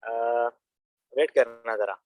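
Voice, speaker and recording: A man's voice: medium pitch, takes it slowly, darkish tone, no room sound, poor audio. A young man, walking viewers through an online course tutorial in a casual, chatty way and often adding "theek hai" as a filler. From Pakistan. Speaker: online business course instructor. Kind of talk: casual screen-recorded tutorial.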